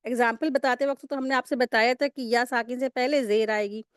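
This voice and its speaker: A woman with a high, light voice teaches a recitation class, laying out each rule patiently and repeating it so students can memorize it. She slows to a crawl to sound out letters and stretch vowels. The recording is dry and close, with no room sound. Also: steady tone, clear, resonant tone, no echo. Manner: slow drawn-out syllable-by-syllable demonstrations. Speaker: tajweed teacher. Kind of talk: online recitation lesson.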